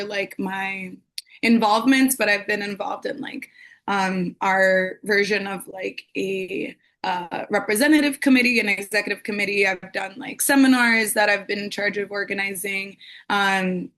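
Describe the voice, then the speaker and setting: A woman's voice: medium pitch, fairly bright tone. A young woman from New York City, a PhD student, introducing herself casually on a video call, chatty with lots of fillers and getting over a cold. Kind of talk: casual webinar self-introduction.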